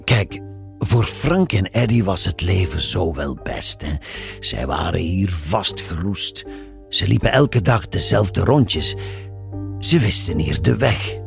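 Deep, gravelly male storyteller, expressive pitch, soft music bed. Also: slow pace. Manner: reflective, musing storytelling. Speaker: narrator. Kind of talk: scripted narration of a radio story.

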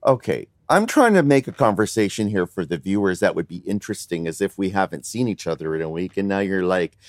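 Middle-aged male podcast co-host, a punning dad, lower voice that swings widely, dry close sound. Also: a little fast, no room sound. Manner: pun-loving, teasing, animated. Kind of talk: joking podcast banter.

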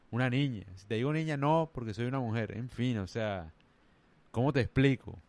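Man, Colombian Caribbean coast accent, casual rant, heavy slang, medium pitch, dry sound. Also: a little mellow, no echo. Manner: rambling, emphatic, heavy slang.

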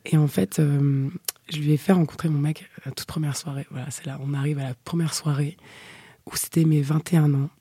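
A young woman telling a frank personal story in casual chat, chatty with many fillers, often dropping into breathy half-whispers. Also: low voice, flat delivery, fairly quick, dark tone, no room sound. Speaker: storyteller guest.

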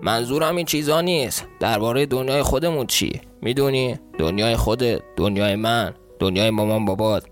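A man's voice: mid-range voice, hardly any pauses, soft background music, natural voice. A man with a southern Iranian accent voicing a huge, hot-tempered male gamekeeper who talks bluntly and indignantly in a storybook reading. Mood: gruff.

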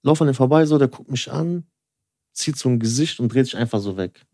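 A man's voice: medium pitch, lively intonation, fairly quick, warm tone, no echo, studio quality. Rambling young man telling a story. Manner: rambling, lots of filler tags like "so" and "ne"; acts out dialogue in quotes. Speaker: podcast co-host. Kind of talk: casual storytelling chat.

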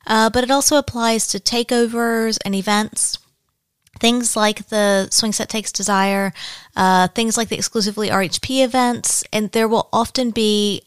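A woman's voice: on the high side, fairly even intonation, moderate pace, clear, resonant tone, dry recording. A woman co-hosting a podcast, explaining things in casual, conversational chat. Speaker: podcast co-host.

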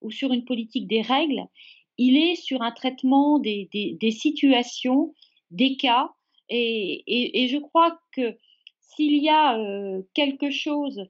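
A woman giving a thoughtful, hesitant spoken answer in an interview, full of fillers and repeated words as she builds her argument. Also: sits high. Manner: hesitant, many fillers and repetitions, measured. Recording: dull lo-fi recording.

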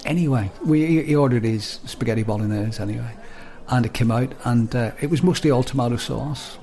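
A podcast co-host with a warm, mid-range voice chats casually at a fairly quick pace, rambling and restarting often.

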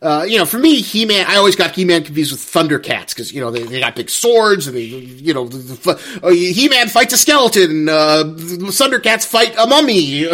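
Bright-voiced hesitant co-host man. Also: sits high, very animated, moderate pace, few pauses. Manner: hesitant, filler-heavy, wry. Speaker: podcast co-host. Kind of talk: casual chat.

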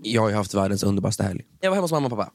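A man's voice: on the low side, big pitch swings, a little hiss or hum. A man co-hosting a casual podcast who teases his co-host and jokes in slangy banter. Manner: teasing, joking banter with slang.

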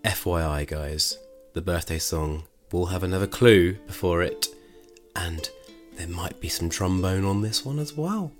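Male podcast host, low-ish voice, loose chatty delivery with frequent laughs, soft guitar bed. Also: a little slow. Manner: chatty, laughs often, rambling asides. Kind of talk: casual solo podcast chat.

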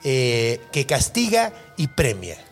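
A man's voice: mid-range voice, slow pace, faint music behind. A young man with a Mexican Spanish accent hosting a podcast, retelling a tale in crude, slangy casual chat and acting out its characters. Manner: slangy, crude, animated retelling with acted-out quotes. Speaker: podcast host.

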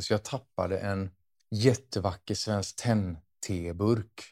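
A man with a fairly low voice co-hosts a podcast in casual chat. He teases dryly and needles his partner. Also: darkish tone. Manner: teasing, dry. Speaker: podcast co-host.

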